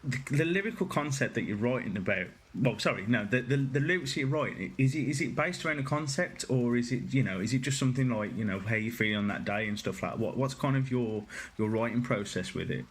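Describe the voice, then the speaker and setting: A man's voice: mid-range voice, husky. A male interviewer with an ordinary mid-range voice asks his questions casually. He stumbles and restarts often as he feels his way through them. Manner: halting, many restarts and fillers.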